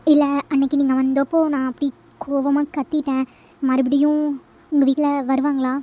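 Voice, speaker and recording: Picture a timid young village sweetheart from a cartoon, voiced by a woman, her voice very high and light. She talks softly and with hesitation, always a little worried. It is plainly cartoon voice acting. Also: level tone, normal speed, muffled recording, lightly acted. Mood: anxious. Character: shy anxious young village woman in love.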